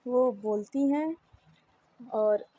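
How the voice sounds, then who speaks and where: A woman telling a romantic story in a gentle, emotional narrating voice. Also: fairly high pitch, extremely slow, slightly rough.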